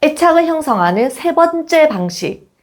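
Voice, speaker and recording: A woman's voice: high voice, sing-song, normal speed. A middle-aged woman giving a casual parenting lecture, posing rhetorical questions and acting out children's lines. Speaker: parenting educator.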